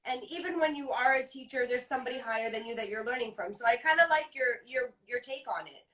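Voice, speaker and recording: A woman's voice: on the high side, fast, fairly bright tone, far from the mic. A woman hosting a casual interview, asking friendly, looping questions. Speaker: host.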